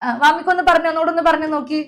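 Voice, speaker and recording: A woman's voice: extremely high pitch, level tone, rapid-fire, fairly bright tone. A young woman teacher leading an online class, calling on students by name and drilling letter sounds over a video call.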